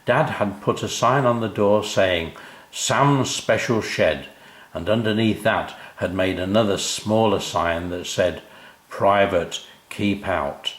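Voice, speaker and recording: In an echoey room, an older man with a lowish voice tells a children's story, addressing young listeners directly. His delivery is unhurried and expressive.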